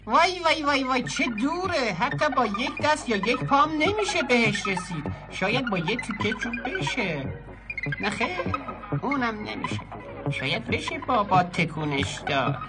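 A woman's voice: fairly high pitch, sing-song, loud music behind the voice. A woman voicing a timid poor male peasant in a dubbed cartoon, who stammers and wails. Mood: puzzling. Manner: stammering, wailing. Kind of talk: cartoon dubbing.

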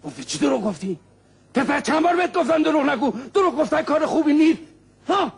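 A very high-voiced flustered father. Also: big pitch swings, gravelly, soft background music, heavily acted. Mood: scolding. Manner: flustered, stammering, chuckling. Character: fussy fatherly man, flustered and jokey.

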